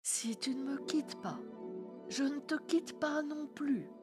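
A woman voicing a calm, quick-witted little girl in a storybook reading, speaking softly and urgently. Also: high-pitched, soft background music, voice pushed up.

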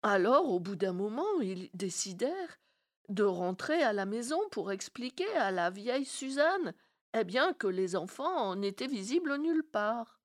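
Slow expressive woman reading a fairy tale. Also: medium pitch. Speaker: narrator. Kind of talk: storybook reading.

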